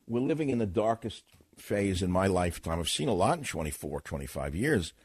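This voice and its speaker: A man hosting a talk radio show, giving a sarcastic, indignant monologue that swings from muttering to loud outbursts in a studio. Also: deep voice, very animated, brisk, breathy edge. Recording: dry studio mic.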